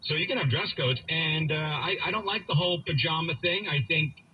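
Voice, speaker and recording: A man hosts talk radio, delivering an opinionated, emphatic monologue and repeating phrases for effect. His voice is slightly high and a little fast, and the audio is dull. Faint background noise sits under the broadcast.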